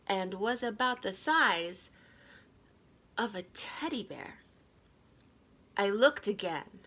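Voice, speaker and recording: A woman with a mid-range voice reads a children's story aloud in the manner of a teacher. She is deliberate and expressive, using dramatic pauses.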